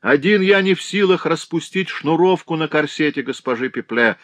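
Man doing a shrill male stranger, piercing, insistent, high and loud, storybook audiobook, dry close sound. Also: animated, normal speed, no echo. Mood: urgent calling. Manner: urgent, insistent shouting. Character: mysterious shrill male voice calling from upstairs, pushy.

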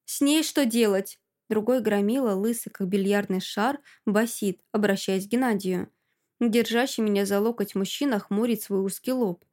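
A woman narrating a first-person audiobook in an expressive, dramatic way. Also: mid-range voice, normal speed. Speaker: audiobook reader.

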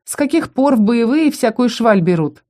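A woman's voice: fairly high pitch, expressive, normal speed, dark tone, voice pushed up. A woman putting on a sneering, spiteful young necromancer girl. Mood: mocking. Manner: mocking, taunting, condescending. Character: haughty young female necromancer student, spiteful bully.

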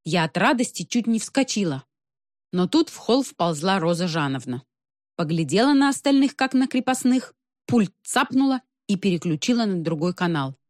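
Expressive woman reading an ironic story. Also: medium pitch, normal speed, no echo, clean studio sound. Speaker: narrator. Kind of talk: first-person story reading.

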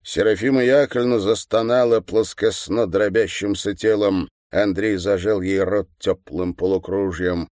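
A man narrating an audiobook in a calm, even reading manner. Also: fairly low pitch, moderate pace, few pauses, no room sound, studio quality.

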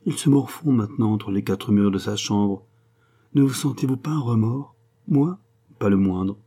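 A man's voice: fairly low pitch, normal speed, warm tone. A man voicing a young woman in love, playful and pouting, in a read-aloud novel. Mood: teasing.

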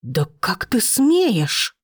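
A woman voicing a cruel, haughty noble stepmother who talks in a sneering, shrill way. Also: lively intonation, normal speed, a little mellow, no echo, studio quality, natural voice. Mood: furious.

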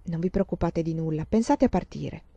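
Brief: a courteous older suitor in an audiobook, voiced by a woman reader, mellow and slightly dull. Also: low voice, a little fast, vocal fry, husky, dry recording, full character voice. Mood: reassuring. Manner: formal, reassuring.

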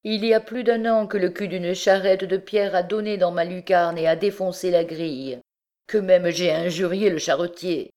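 A woman reading an audiobook, voicing a desperate, frantic old recluse mother who pleads in a high, strained voice. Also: steady tone, moderate pace, a little mellow, lightly acted. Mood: pleading. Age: older.

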